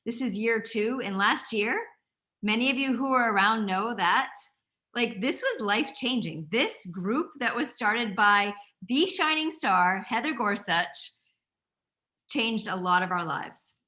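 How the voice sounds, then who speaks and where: Bright, fast-talking woman panelist. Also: on the high side, lively intonation. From Maine. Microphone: video call.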